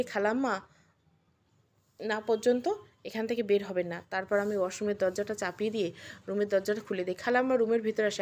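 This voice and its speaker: A woman telling an emotional audio story in the first person, with earnest, steady narration. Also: medium pitch, slight background noise.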